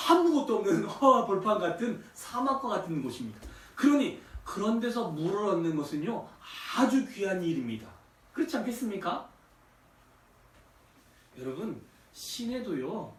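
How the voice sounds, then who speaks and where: A male pastor giving a conversational sermon, often asking the congregation rhetorical questions. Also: a little high. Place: church sanctuary. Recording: echoey church, distant from mic.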